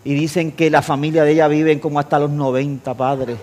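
Middle-aged male preacher, high voice, playful with his flock, swings between loud and hushed. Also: fairly even intonation, a little fast. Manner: jokes with the congregation, shifts between loud and quiet. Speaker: pastor. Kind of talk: sermon.

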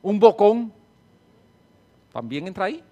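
A high-pitched man preaching. He sways between near-whispers and loud, fervent bursts, repeating his lines for emphasis and naming people in the congregation. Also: very animated, unhurried, highs cut off. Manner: fervent, repetitive, swings from hushed to loud; calls out listeners by name. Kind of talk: sermon and spoken prayer.

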